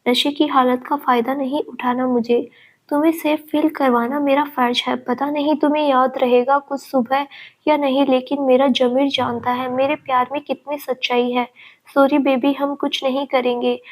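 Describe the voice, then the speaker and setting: A tender young man from a storybook who soothes and coaxes his partner, soft and remorseful, as a woman narrator voices him. The voice stays high and flat, with little change from the narrator's own. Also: moderate pace. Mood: gentle coaxing. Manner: soft and coaxing.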